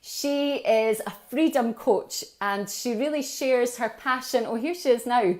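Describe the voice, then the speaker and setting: A woman's voice: fairly high pitch, measured pace, a little mellow. A woman hosting a live online interview over a video call, chatty and enthusiastic, laughing often. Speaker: interview host.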